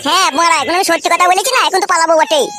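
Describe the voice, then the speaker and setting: A woman voicing a crude, sulky young husband in an adult comedy cartoon, talking back rapidly. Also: very high-pitched, crowd noise. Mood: defiant. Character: foul-mouthed lazy young husband, sulky, defiant.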